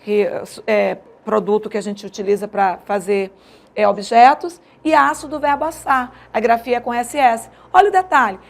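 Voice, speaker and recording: A woman's voice: a little high, gravelly. A woman teacher with a Brazilian Portuguese accent, giving a grammar lecture and checking often that her students follow. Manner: explanatory, with frequent checking tags; stretches out example phrases slowly.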